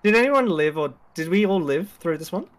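A woman's voice: on the low side, animated, a little fast. A woman, chatting casually with friends while streaming a game and laughing often. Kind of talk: casual gaming chat.

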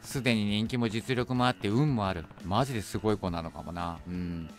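A man's voice: fairly low pitch, fairly quick, faint music behind. A man with a Kansai accent chatting casually and joking while streaming a game. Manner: chatty, joking, teasing asides. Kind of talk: casual gameplay commentary.

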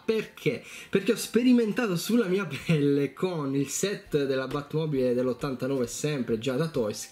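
A toy reviewer hosting a video gives an enthusiastic, casual product review, chatting informally with viewers and frequently repeating himself. His voice is on the high side with a darkish tone.

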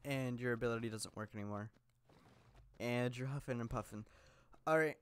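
A young male gaming YouTuber rambles through casual gameplay commentary, laughing often and full of fillers and restarts. His mid-range voice is clear, resonant and fairly bright at a moderate pace, though he sounds a little sick.

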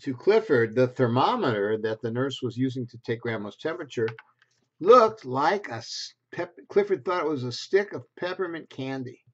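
This is a read-aloud for young children: a man in his sixties with a mid-range voice goes through a picture book at a normal pace. He uses simple, expressive phrasing and slips in little asides. A desk-distance computer webcam in his small home bedroom captures it with dull, lo-fi sound.

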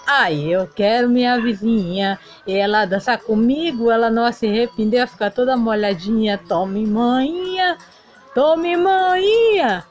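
A woman's voice: fairly high pitch, muffled recording, lightly acted. A woman voicing a heartbroken male doll singer in a toy play video, melodramatic and sing-song.

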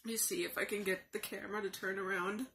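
A young adult woman in a casual, rambling vlog chat, speaking haltingly. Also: mid-range voice, steady tone, gravelly, fairly bright tone, slight background noise. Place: small room indoors. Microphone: phone or webcam at arm's length.

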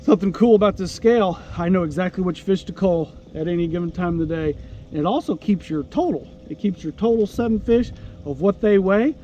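A man's voice: high-pitched, expressive, fairly quick, dark tone, muffled recording, a little hiss or hum. A man hosting a fishing show, explaining in a folksy, enthusiastic, chatty way while out on a boat. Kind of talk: casual instructional talk.

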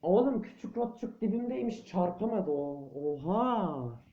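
A man's voice: on the high side, expressive, unhurried, dark tone, dull audio, slight background noise. Jumpy young man narrating a horror game. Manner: jumpy, shrieks and chants when chased. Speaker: gameplay commentator. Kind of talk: let's play commentary.

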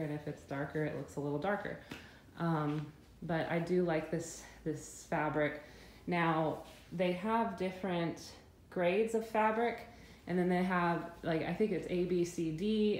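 A woman's voice: fairly low pitch, a little mellow. A young woman giving a casual, chatty review of her couch, hesitant and full of ums and restarts, filmed on a handheld phone in her living room. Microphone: handheld phone filming the room. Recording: echoey room with faint background hum.

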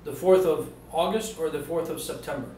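A male police detective conducting a formal interrogation, procedural and halting with fillers, heard on an interrogation-room tape recording. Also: fairly high pitch, darkish tone. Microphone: fixed room camera mic. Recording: roomy, distant, faint hiss.

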